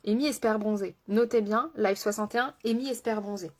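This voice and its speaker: A woman's voice: medium pitch, fairly quick. Woman makeup artist yakking away on a live, friendly, giggly, talks to viewers by name. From France. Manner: chatty, laughs often, answers viewers by name. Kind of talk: casual live-stream chat while doing makeup.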